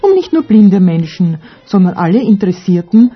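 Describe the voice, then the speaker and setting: A woman's voice: mid-range voice, big pitch swings, normal speed, husky. A woman narrating a scripted radio feature as a reporter. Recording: dull radio recording, faint music.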